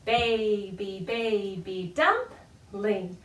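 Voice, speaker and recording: Extremely slow and animated, a woman with a mid-range, fairly bright voice hosts a sing-song children's storytime. She uses simple, playful, encouraging words for babies and their parents. It was recorded as a virtual session indoors, with a distant microphone in an echoey room.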